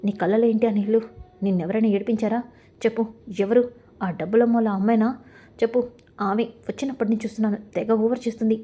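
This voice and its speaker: A woman's voice: on the high side, steady tone, fast talker, long pauses, mellow, soft background music, lightly acted. A woman voicing a protective, hot-tempered husband pressing his wife with questions. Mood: concerned.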